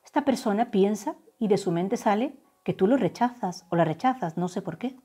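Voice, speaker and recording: A woman from giving a tarot reading to her viewers, saying the messages she channels slowly and softly. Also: medium pitch, animated, slightly rough. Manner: slow, soft, drawn-out channeled phrases. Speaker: tarot reader. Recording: faint background music.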